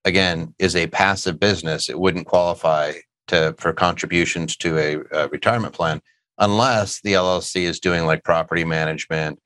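A man's voice: sits low, steady tone, moderate pace, a bit bright, dry recording. A middle-aged man hosting a casual tax question show, answering listener questions and cracking dad jokes. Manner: joking, rambling, dad-humor asides.

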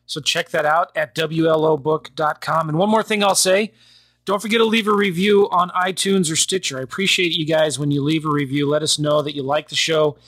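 A man's voice: fairly high pitch, fairly even intonation, a little fast, a bit bright, slightly rough, no room sound. A man hosting a podcast, chatty and upbeat, often laughing as he talks. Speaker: podcast host. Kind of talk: casual podcast interview.

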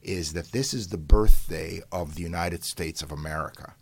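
An older man, a professor and interview guest whose first language is Hungarian, tells long, wandering stories marked by fillers and restarts, occasionally growing animated. His voice is low and slightly rough, at a moderate pace.

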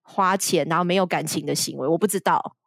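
A woman's voice: on the low side, quick pace, creaky, no echo, studio quality. A young woman co-hosting a podcast, telling a personal story frankly and with animation, often acting out what others said. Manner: frank, animated, acts out quoted dialogue with laughs. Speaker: podcast co-host. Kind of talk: casual candid storytelling chat.

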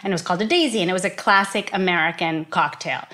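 A woman's voice: lowish voice, fast, bright, forceful tone. A woman co-hosting a casual chat, explaining the history of spirits while mixing cocktails, with many "you know" fillers.

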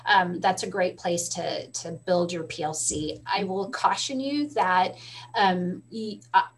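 Animated middle-aged woman storyteller. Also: fairly low pitch. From Texas. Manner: animated storyteller, quick asides, frequent laughs. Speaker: guest, school librarian. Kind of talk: casual interview talk.

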